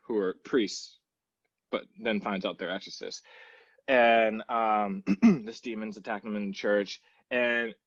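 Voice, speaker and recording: Male podcast host, lower pitch, slightly dull dry recording, relaxed and hesitant delivery. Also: no echo. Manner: relaxed, steady storyteller with many "um"s. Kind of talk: casual podcast chat.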